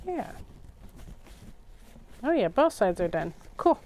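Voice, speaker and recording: A woman's voice: on the high side, big pitch swings, slow, darkish tone. A woman hosting a craft tutorial in a casual, rambling livestream chat, half talking to herself as she works. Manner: rambling, talks to herself while working.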